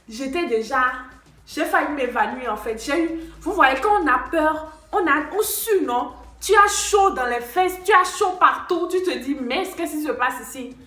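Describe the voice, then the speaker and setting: A woman's voice: high voice, a bit bright. A young woman, animatedly telling a true story on her vlog and acting out the dialogue. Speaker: vlogger. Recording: echoey room.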